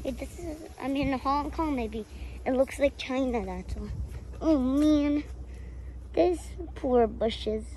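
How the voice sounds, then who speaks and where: Young woman vlogger, unhurried, exclamatory, filmed on a phone on a noisy outdoor trail. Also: high voice, warm tone. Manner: chatty, exclaiming at sights. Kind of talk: casual hiking vlog. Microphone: handheld phone. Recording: outdoor phone audio with background noise. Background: outdoor ambience.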